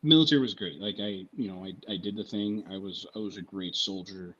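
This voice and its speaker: A man with a low, husky voice tells loose, rambling podcast stories full of swearing, often asking "right?" as he goes. The audio is dull and muffled, like a lo-fi stream. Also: brisk, a bit bright. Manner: profane, rambling, keeps asking "right?" and "you know what I mean?". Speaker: military veteran podcast guest. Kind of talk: casual podcast storytelling.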